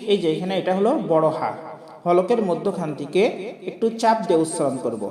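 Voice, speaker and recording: Slow, high-voiced man teaching in an echoey room. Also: expressive, darkish tone. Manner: patient, repeats syllables slowly, addresses viewers. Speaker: Quran recitation teacher. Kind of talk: pronunciation lesson. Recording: echoey room with long reverb.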